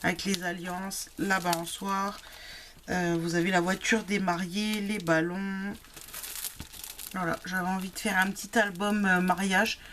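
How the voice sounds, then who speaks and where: A woman's voice: medium pitch, little pitch movement, measured pace, a bit bright, slight background noise. Chatty French woman showing craft supplies. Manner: hesitant, many "euh" fillers, apologetic. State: married adult. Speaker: craft vlogger. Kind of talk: casual product haul chat.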